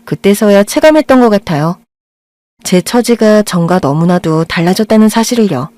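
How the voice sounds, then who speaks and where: A woman narrates a confessional story in a reflective, measured voice. Her voice sits mid-pitched. The studio recording is dry and close. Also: dark tone, dry recording.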